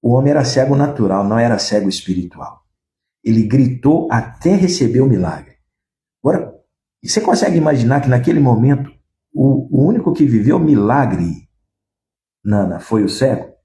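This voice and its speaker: A man's voice: mid-range voice, expressive, normal speed, warm tone, reverberant. A man preaching an emphatic sermon, calling out to his listeners as brothers and acting out the words of people in his stories. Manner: emphatic, addresses listeners as brothers, acts out quotes. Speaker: pastor.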